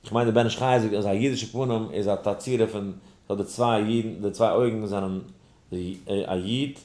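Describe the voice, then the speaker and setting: A man, a rabbi teaching a daily study class, telling a personal story in an animated way. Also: on the low side, normal speed. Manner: animated storyteller, acts out other voices. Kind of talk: lesson with a told personal story. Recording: roomy echo.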